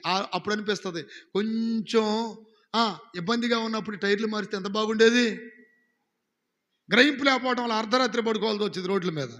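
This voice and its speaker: High-voiced Telugu pastor preaching in a hall. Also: male voice, a bit bright. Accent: Andhra Telugu. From India. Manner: exhorting, calls congregation to repeat phrases. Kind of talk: sermon. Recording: live sermon with long hall reverb.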